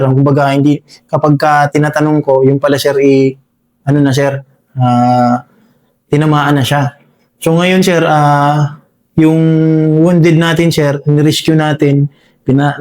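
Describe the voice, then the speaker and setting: A man recounts a firefight in a halting, deferential way, peppering nearly every phrase with fillers and a respectful "sir". His voice sits a little high and stays fairly flat and even throughout. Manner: halting, full of fillers, says "sir" constantly. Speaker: soldier recounting a combat encounter. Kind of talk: spoken war story in an interview.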